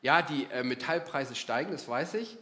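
A man preaching a sermon in a lively, conversational way, acting out inner voices as he talks. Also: mid-range voice, moderate pace, slight background noise.

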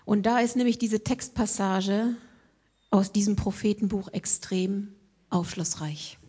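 A woman preaching a sermon to her congregation, asking them rhetorical questions and dropping from emphatic lines into hushed whispers. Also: mid-range voice, fairly even intonation, unhurried, husky.

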